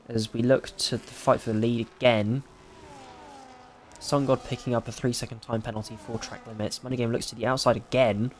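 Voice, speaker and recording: A man giving excitable, rapid play-by-play as the lead commentator of a live sim racing broadcast. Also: mid-range voice, a little hiss or hum.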